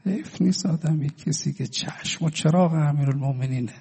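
Husky-voiced male preacher in a reverberant hall. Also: on the high side. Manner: dramatic, swinging between loud declaiming and hushed drawn-out words. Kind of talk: religious sermon with storytelling.

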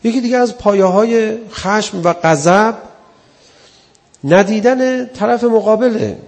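A preacher delivers an earnest religious sermon conversationally, acting out the people he quotes. His voice sits high and is a little mellow, with a big-room sound.

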